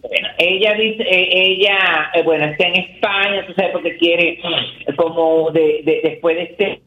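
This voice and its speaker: A woman's voice: on the low side, fairly even intonation, measured pace, roomy sound, muffled recording. A woman co-hosting a radio show, chatting casually about celebrity gossip and rambling with many fillers.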